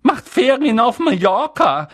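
A man's voice: very high voice, sing-song, measured pace, a bit bright, voice pushed up, heavily acted. A male audiobook reader voicing a snappish, scolding middle-aged aunt. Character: shrill, cross aunt, middle-aged woman.

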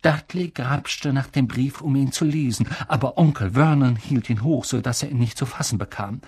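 An audiobook narrator reading a story in a measured, expressive way. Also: medium pitch, breathy edge. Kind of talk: scripted narration.

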